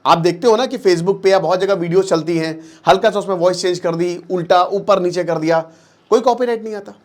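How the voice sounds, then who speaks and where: A man with a fairly high-pitched voice explains a lesson in a relaxed, chatty way. He mixes English terms into his speech and keeps checking that the listener is following. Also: a little fast. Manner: conversational, checks in with the listener often. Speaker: teacher.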